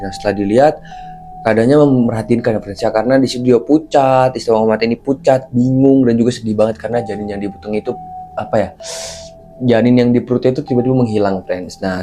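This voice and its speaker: A man's voice: medium pitch, mellow. Rambling man telling a horror tale. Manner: rambling, repeats phrases, keeps saying "friends". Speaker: horror storyteller. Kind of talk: casual spoken storytelling.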